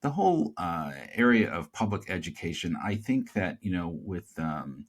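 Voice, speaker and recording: A male podcast host with a very low voice asks a guest long questions. He stops and restarts often and leans on fillers as he searches for his words. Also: sing-song. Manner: halting, many fillers, long winding questions. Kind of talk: interview questions.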